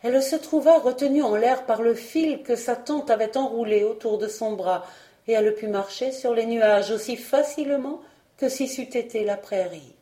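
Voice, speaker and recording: A woman narrating a storybook in a calm, measured reading voice. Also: a little high, roomy sound. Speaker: audiobook reader.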